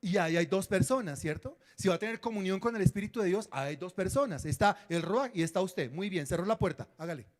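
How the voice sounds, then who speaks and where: A man's voice: high voice, lively intonation, fast talker, hardly any pauses. A man preaching a sermon as pastor, acting out prayers and dialogues and quizzing his congregation.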